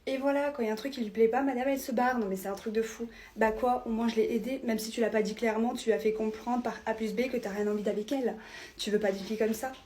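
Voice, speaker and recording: A woman's voice: on the high side, fairly even intonation, quick pace, darkish tone. A young woman performing comedy skits as bickering teenage girls, sassy and full of slang. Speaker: comedy sketch creator. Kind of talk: acted comedy skits playing teen girls.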